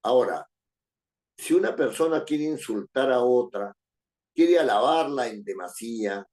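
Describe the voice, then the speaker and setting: This teacher, a man with a Peruvian Spanish accent, lectures a class in an animated but unhurried way. His voice is medium in pitch with a darkish tone, and he keeps adding rhetorical questions to his sentences and repeating phrases.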